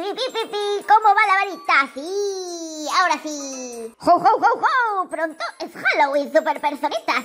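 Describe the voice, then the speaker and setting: A woman chatters through a mobile drawing game in a very high, bright voice. She coos sympathetically at the drawn characters and keeps the commentary playful. Faint children's music plays behind her. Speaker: gaming channel host.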